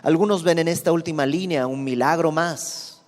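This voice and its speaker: Teacher, slightly high voice. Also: male voice, moderate pace, big-room sound. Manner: explanatory, conversational, reads verses then comments. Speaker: Bible teacher. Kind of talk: verse-by-verse Bible study.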